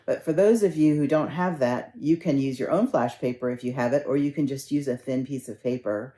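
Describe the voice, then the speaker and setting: Woman minister, low and mellow voice, easygoing storyteller's sermon delivery. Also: fairly quick. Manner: conversational storytelling, gently instructive.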